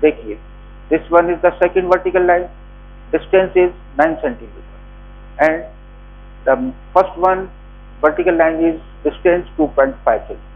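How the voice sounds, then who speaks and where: A man's voice: a little high, normal speed, pauses often, narrow, tinny audio. A man with a North Indian accent teaching a class as a lecturer, giving step-by-step instructions in short phrases. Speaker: anatomy lecturer. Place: indoor lecture theatre.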